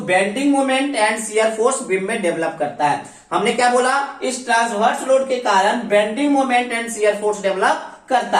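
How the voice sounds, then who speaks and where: A woman teaching an engineering class, with a fairly high voice. She repeats each term as a question and answers it herself, slipping English terms into her speech. The sound comes from away from the mic, in an echoey room. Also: recorded from a distance. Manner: often addresses students as dear children. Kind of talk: recorded online class lecture.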